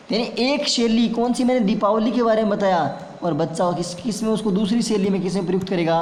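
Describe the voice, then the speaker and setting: A man's voice: high voice, a little mellow, slight background noise. A man teaching a classroom lesson, asking questions and answering them himself, heard in an echoey room a long reverb. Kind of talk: classroom lecture.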